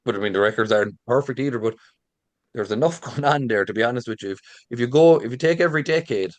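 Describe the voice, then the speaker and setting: A man's voice: medium pitch, fast talker, no room sound. A middle-aged Irish man telling local folklore informally in an interview, with a lilting, conversational storyteller's manner. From rural Ireland. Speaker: visitor centre manager and local folklore storyteller.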